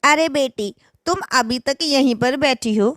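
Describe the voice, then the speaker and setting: A woman voicing a bossy but caring middle-aged mother-in-law who scolds with loud exclamations. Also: high-pitched, a little slow, no room sound, clean studio sound. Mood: fussing scolding.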